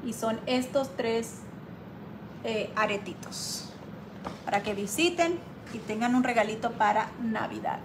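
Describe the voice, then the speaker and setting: A woman hosting a casual live craft tutorial, chatting warmly with her viewers and reading their comments aloud. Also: fairly high pitch, unhurried, noisy background. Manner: chatty, affectionate, calls viewers "my girls", reads comments aloud. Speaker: craft livestream host.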